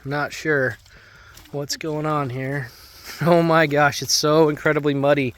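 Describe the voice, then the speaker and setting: Folksy man vlogging, slightly higher voice. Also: flat delivery, unhurried, fairly bright tone. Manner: folksy, talks to viewers and animals. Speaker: homesteader vlogger. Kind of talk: casual walk-and-talk vlog, filming while talking. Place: outdoors on a muddy farm and under an animal shelter.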